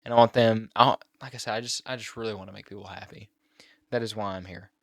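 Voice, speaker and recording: Teenage boy, low voice, close and tearful. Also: fairly even intonation, no echo. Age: teens. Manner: emotional, halting with many fillers and restarts. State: near tears. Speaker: YouTuber. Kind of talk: personal vlog talk.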